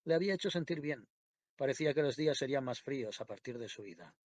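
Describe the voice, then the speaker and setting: A man narrating a classic novel in a measured, even audiobook reading. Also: mid-range voice, no echo. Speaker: audiobook reader. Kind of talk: scripted literary narration.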